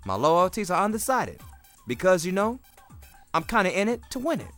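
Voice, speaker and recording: A woman's voice: lowish voice, sing-song, moderate pace, a bit bright, faint music behind. A woman doing a slick, slangy smuggler. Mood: laid-back. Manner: laid-back, slangy, drawling. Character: shadowy slick smuggler, cool slangy hustler. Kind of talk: comedy radio play acting.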